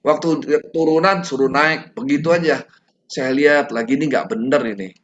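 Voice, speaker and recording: A middle-aged man giving a personal testimony at a prayer meeting, talking in a halting, conversational way with many fillers and restarts. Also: on the high side, muffled recording, slight background noise. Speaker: testimony giver.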